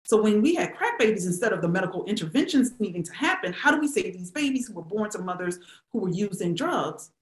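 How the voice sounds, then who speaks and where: A woman's voice: medium pitch, sing-song, fast. A middle-aged woman, a historian, answering questions on a video call, speaking with emphasis and many rhetorical questions. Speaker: historian and professor, guest speaker. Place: small indoor room at home. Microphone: webcam on a video call. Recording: roomy webcam sound.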